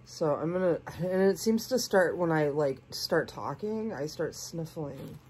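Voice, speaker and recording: A woman with a cold, sounding congested and sniffly, gushing softly as she unboxes doll clothes and sometimes dropping to a whisper. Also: low-pitched, lively intonation, measured pace, a little hiss or hum. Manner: gushing, soft-spoken, sometimes drops to a whisper. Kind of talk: casual unboxing chat.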